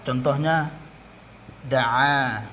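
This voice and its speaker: Slow, deliberate male grammar teacher. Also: mid-range voice, bright, forceful tone, slight background noise. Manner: repeats terms, pauses, corrects himself. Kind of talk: classroom grammar lesson.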